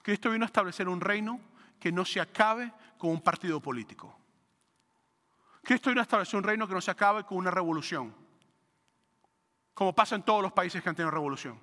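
A pastor delivers a dramatic sermon in a high, bright voice, rising to ringing declarations and then dropping to a soft hush. The sound carries the long reverb of a large hall. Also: male voice, fairly quick, long pauses. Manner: preaching with dramatic swings from loud to hushed, acting out voices.

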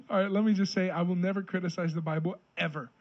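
A husky, slightly high-voiced man reads old scripture aloud on a casual podcast and then breaks into joking paraphrase. The sound is muffled and lo-fi. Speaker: podcast co-host reading scripture. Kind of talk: casual Bible reading and discussion.

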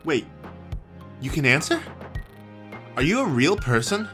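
A man's voice: on the high side, big pitch swings, unhurried, a bit bright, faint music behind. A man playing an incredulous caller losing patience with an automated phone line. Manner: exasperated, incredulous. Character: frustrated caller stuck on hold, man.

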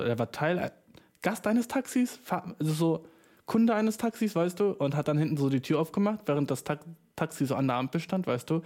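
A young German man hosting a casual solo podcast from a small room, talking in slangy German sprinkled with English and flaring into animated outbursts. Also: a little high. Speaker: podcast host. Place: small room, speaking into a microphone.

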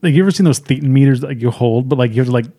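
A man's voice: mid-range voice, very fast, dark tone. A man co-hosting a movie review podcast, casually retelling scenes in a rambling way with lots of fillers. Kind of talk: casual chat.

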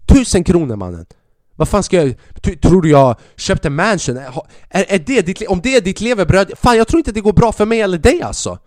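A young man, a comedian and podcast host, telling a story in a casual, animated way, swearing often and acting out what people said. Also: high voice, no echo, clean studio sound. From Sweden. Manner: animated, swears a lot, acts out quoted lines.

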